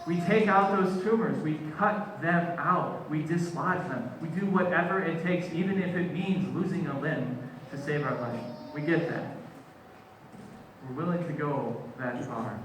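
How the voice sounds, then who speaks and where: A man's voice: a little high, measured pace, fairly bright tone, a little hiss or hum. Man preaching in an echoey church. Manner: emphatic and conversational, acting out quoted speech. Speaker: pastor. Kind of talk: sermon. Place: church sanctuary. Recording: echoey church, mic far off.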